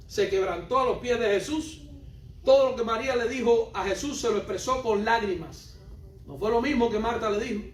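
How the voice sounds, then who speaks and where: A man preaches with a high voice, hammering each point through repetition and direct questions to the congregation. He is heard from some distance in a roomy church hall, with faint ambient noise behind him. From Cuba. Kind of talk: sermon.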